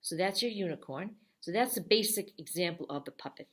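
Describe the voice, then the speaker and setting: A woman's voice: fairly low pitch, expressive, brisk. A woman librarian giving a friendly, step-by-step craft tutorial for kids. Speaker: children's librarian.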